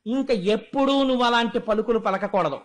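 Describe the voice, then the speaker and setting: A man doing frightened palace tutors scolding a boy in a told story, hurried and nagging. The voice is very high for a man and rushes in places. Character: anxious male royal teachers scolding a boy.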